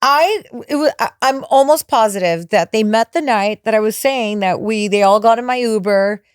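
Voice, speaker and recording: A woman's voice: on the high side, normal speed, clear, resonant tone, dry recording, studio quality. A woman co-hosting a casual talk show, laid-back and hesitant, full of "like" and "I mean". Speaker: podcast co-host. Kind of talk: casual chat.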